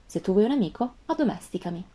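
A woman voicing a gentle, wise female fox with a calm, earnest tone in a storybook reading. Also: mid-range voice, fast talker, close to an everyday voice.

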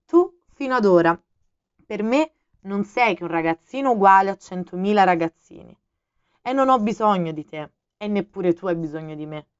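Una donna che fa una volpe saggia e gentile. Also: female voice, medium pitch, clean tone, no room sound, dull audio, lightly acted. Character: gentle wise female fox, patient and a bit melancholy.

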